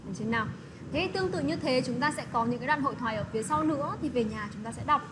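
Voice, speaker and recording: A woman teaching an English lesson to children, repeating words slowly and checking that they understand. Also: high voice, background noise. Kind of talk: classroom lesson explaining vocabulary.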